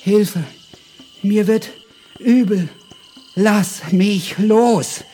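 A man voicing an elegant female leopard in a storybook reading, curt and high. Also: lively intonation, extremely slow, darkish tone, a little hiss or hum. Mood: panicked.

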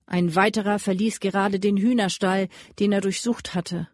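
A woman narrating an adventure audiobook in a measured, even reading. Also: medium pitch, no room sound, studio quality. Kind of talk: scripted storybook narration.

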